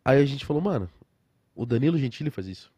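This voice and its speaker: A man chats as a podcast guest, rattling off animated stories in heavy slang. He talks fast at an everyday pitch. The mic sounds close and dry. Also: breathy edge, no echo. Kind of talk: casual chat.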